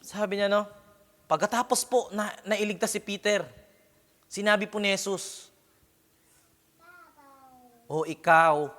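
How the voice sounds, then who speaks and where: A man's voice: high voice, little pitch movement, normal speed, long pauses, fairly bright tone. A man preaching a sermon as pastor, often checking in with the congregation with a questioning "Amen?" or "No?" and slipping English words into his talk. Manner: punctuates phrases with questioning "Amen?" and "No?". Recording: long hall reverb.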